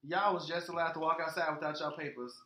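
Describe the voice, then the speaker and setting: A man's voice: on the high side, fast, bright, forceful tone. A man from Chicago who talks bluntly and teases the others in casual banter. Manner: blunt, teasing, streetwise slang. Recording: roomy mic with background noise.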